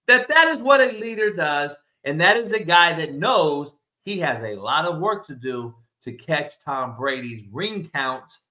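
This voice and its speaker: A man hosting a casual sports debate, loud, opinionated and ribbing, blunt and profane, repeating his points for emphasis. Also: high-pitched. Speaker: sports talk show host.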